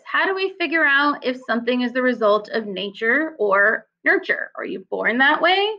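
A woman with a high voice teaches a lecture, explaining ideas in an easygoing, conversational way with the odd "um" and "uh." The recording sounds somewhat dull and lo-fi. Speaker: psychology teacher.

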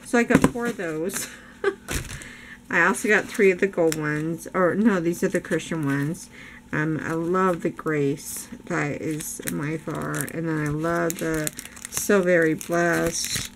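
This older woman speaks slowly in a deep, fairly even voice, one that's starting to go, during a relaxed haul video for her crafting channel. Enthusiastic and chatty with frequent laughter, she's filmed by a camera above her craft room table in a noisy home recording.

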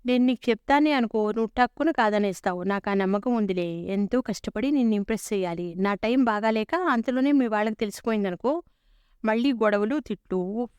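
A woman's voice: on the high side, fairly quick, darkish tone, clear, resonant tone, dry recording, close to an everyday voice. A woman voicing an earnest young man who eagerly pleads his love in a read-aloud story. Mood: persuasive. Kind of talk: storybook character reading.

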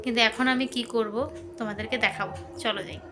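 A woman's voice: on the high side, steady tone, fast. Woman vlogger, casual chatty narration, phone mic, music underneath. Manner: chatty, talks straight to viewers as friends. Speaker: lifestyle vlogger. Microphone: handheld phone camera.

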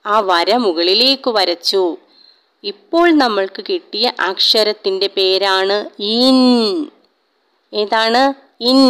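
A woman's voice: mid-range voice, fairly bright tone. A woman teacher with a Malayali accent giving a children's alphabet lesson, coaxing her young pupils with questions. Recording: echoey room.

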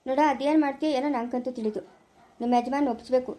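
A woman with a rural Chikkaballapura Kannada accent playing a domineering older mother-in-law who lectures in a low, firm tone. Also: steady tone, fast talker, mellow, close to an everyday voice. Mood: scheming.

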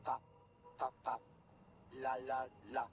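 A man doing Skippy, a deadpan talking gun. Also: medium pitch, takes it slowly, a little hiss or hum, natural voice. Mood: humming. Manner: monotone machine-like delivery, repeats louder. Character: talking smart gun AI, flat and literal.

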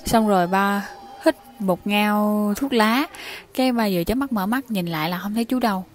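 A woman's voice: medium pitch, normal speed. A young woman casually retelling listeners' ghost stories, chatting directly to her audience and acting out the quoted lines. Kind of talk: casual spoken storytelling.

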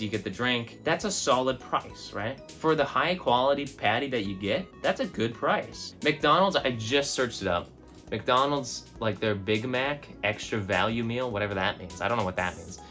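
A man giving an opinionated food rant as a vlogger. He talks emphatically and keeps tagging his points with "right?" and "okay?". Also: mid-range voice. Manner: emphatic, animated, tags lines with "right?" and "okay?".

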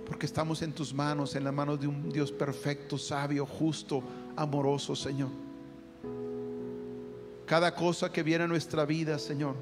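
A fairly high-pitched man leads an earnest spoken prayer with little variation in pitch, keeping a moderate pace and calling to the Lord after almost every phrase. Soft guitar music accompanies him amid a long hall reverb.

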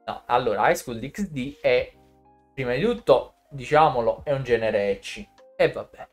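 A man's voice: medium pitch, expressive, normal speed, soft background music. A man co-hosting a casual live stream, explaining anime series at length in a chatty, informal way. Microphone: streaming setup microphone.

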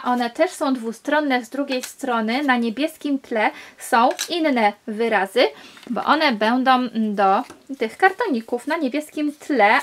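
A woman's voice: fairly high pitch, a bit bright, a little hiss or hum. A woman reviewing a children's board game on video, explaining enthusiastically step by step as she handles the pieces.

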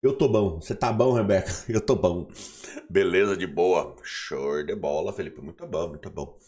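A man's voice: low-pitched, moderate pace, darkish tone. A young Brazilian man teaching a casual live online class, playful and chatty, greeting viewers by name, sounding sleepy. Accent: Brazilian Portuguese.

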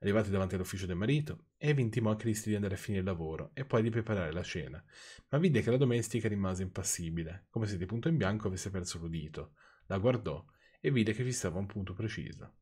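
A man's voice: on the low side, expressive, fast talker, a little mellow, breathy edge. Sarcastic Italian man reading stories. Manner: sarcastic asides, dry and teasing. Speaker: channel host reading viewers' stories. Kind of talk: reading aloud with off-the-cuff commentary.

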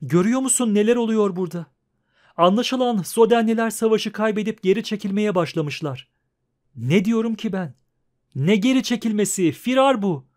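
A man voicing a panicky young male bard who talks fast and pleads shrilly in an audiobook. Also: sits high, expressive, darkish tone, pitched above the performer's own voice. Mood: panicked.

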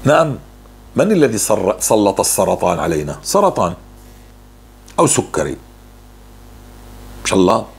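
A man's voice: on the low side, sing-song, normal speed, gravelly, long pauses, slightly rough. A man answering religious questions, fervent and repeating words for emphasis. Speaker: religious speaker.

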